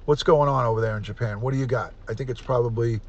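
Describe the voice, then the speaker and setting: A man's voice: medium pitch, fast, highs cut off. A man, hosting a live stream and chatting casually as he reads out viewer names and thanks them. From United States. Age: 50s.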